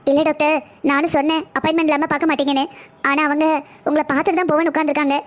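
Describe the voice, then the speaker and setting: A woman's voice: high-pitched, level tone, racing, lightly acted. A woman voicing a young female nurse in a cartoon, speaking politely and in a hurry. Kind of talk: cartoon voice acting.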